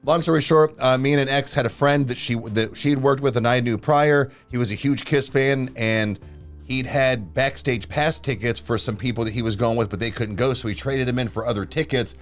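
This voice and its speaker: A man's voice: mid-range voice, a little fast, soft background music. A man co-hosting a casual live stream, talking bluntly and swearing freely as he tells stories. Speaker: co-host.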